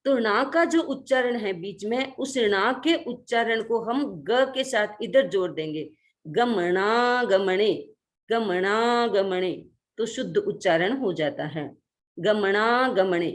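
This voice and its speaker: A woman's voice: on the high side, lively intonation. A woman teaching a religious workshop, drawing out each syllable as she shows how to pronounce a recited text. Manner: recites syllables slowly, stressing each sound. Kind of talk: pronunciation lesson with slow recitation. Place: online video workshop.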